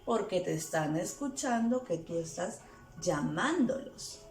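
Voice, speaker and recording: A woman's voice: lowish voice, lively intonation, measured pace. A woman teaching a lesson to small children, asking them questions and playfully acting out sounds. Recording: echoey room with faint music.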